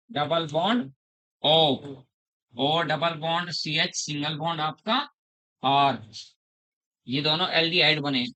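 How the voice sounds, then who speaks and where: A middle-aged man teaching a chemistry class, slowly repeating terms, quizzing his students and calling them "beta". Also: a little high, bright, forceful tone, rough recording. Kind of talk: classroom lecture.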